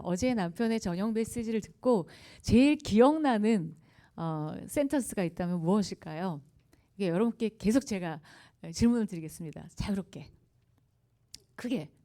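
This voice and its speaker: Mellow-voiced woman lecturing a congregation. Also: medium pitch, moderate pace. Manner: anecdotal, asks the audience questions and laughs often. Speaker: guest speaker at a revival meeting. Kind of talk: conversational church lecture. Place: church service before a congregation.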